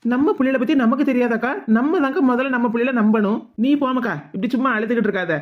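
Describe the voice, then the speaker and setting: A woman's voice: a little high, fast talker, lo-fi sound, close to an everyday voice. Woman voicing a soothing neighbor lady, southern Tamil. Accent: southern Tamil, Tirunelveli-Kanyakumari. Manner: soothing, persuasive. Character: calm younger neighbor woman, advising. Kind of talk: animated cartoon voice acting.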